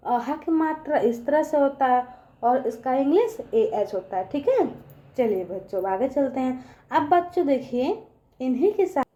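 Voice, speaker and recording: A woman's voice: high voice, mellow. A woman teaching children, patient and repeating her points often. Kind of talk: children's lesson.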